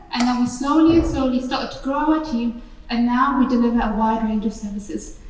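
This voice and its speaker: A high-pitched woman with a Northeast English accent hosts a live community event, friendly and a little halting, her voice going hoarse. She is heard from a distance in an echoey hall with a long reverb tail. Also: a little mellow. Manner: friendly, slightly halting with restarts. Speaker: charity event host.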